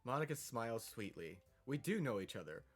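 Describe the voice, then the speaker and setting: A man reading a visual novel's text aloud as a first-time player, stopping to chat. He sounds hesitant and laughs often, his pitch moving in a lively way. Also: brisk.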